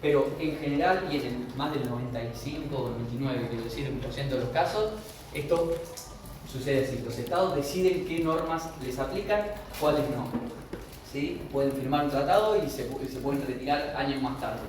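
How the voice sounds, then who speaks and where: A man with an Argentine Spanish accent gives a university law lecture, explaining things step by step and frequently checking in with his class. His voice is mid-range at a moderate pace, recorded far from the mic in an echoey, noisy room.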